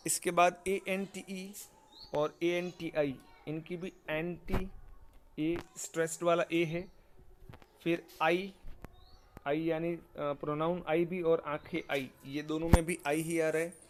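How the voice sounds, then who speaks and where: Slightly high-voiced male teacher. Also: flat delivery, a little hiss or hum. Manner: explains slowly, spells out words letter by letter; often asks "ठीक है ना" to check understanding. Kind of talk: exam prep lesson.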